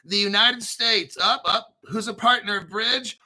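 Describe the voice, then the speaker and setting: A man hosting an informal crypto commentary, talking through articles in an excitable, sarcastic way, swearing and often clearing his throat. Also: sits high, unhurried, low-quality recording. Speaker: crypto video host.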